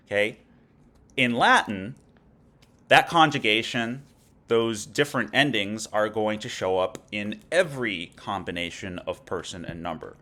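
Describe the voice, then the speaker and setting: A man with a fairly low voice is teaching a lecture. He explains step by step and keeps pausing to ask "okay?" before moving on. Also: fairly bright tone. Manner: explanatory, frequent "okay?" check-ins. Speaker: Latin teacher. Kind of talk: recorded lecture.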